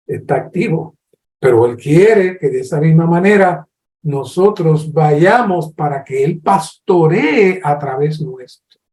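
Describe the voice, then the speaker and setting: Reverberation fills the space as a fairly high-voiced man with a Colombian Spanish accent delivers a sermon. His teaching is slow and earnest, livened up by questions he acts out.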